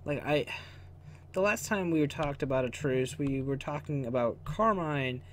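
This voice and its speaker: A man's voice: fairly high pitch, lively intonation, a little slow. A sarcastic, joking man giving casual, sweary commentary as he plays through a game. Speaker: gamer commentating on his playthrough. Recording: faint noise and game sound behind. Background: video game sounds.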